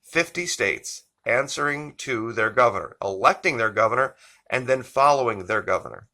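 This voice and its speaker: A man with a bright, forward voice hosting a political commentary channel. He speaks slowly and deliberately, leaning on each point. His pitch sits at an ordinary middle height. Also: animated. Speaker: channel host.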